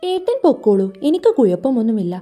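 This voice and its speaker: A woman's voice: a little high, big pitch swings, quick pace. A woman voicing a shy, timid young wife who speaks hesitantly in a storybook reading, over faint music. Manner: hesitant, soft-spoken.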